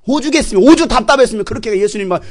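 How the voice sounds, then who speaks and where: High-voiced Korean pastor preaching fervently. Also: male voice, very animated, a little fast. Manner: preaching with sudden shouts and hushed asides, acting out quoted voices. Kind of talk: sermon.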